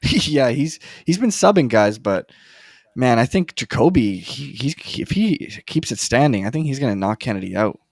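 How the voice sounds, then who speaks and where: A man co-hosting a casual chat, giving his picks in a relaxed, hesitant way with frequent restarts. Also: mid-range voice, moderate pace, gravelly, no room sound, studio quality. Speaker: co-host making fight picks.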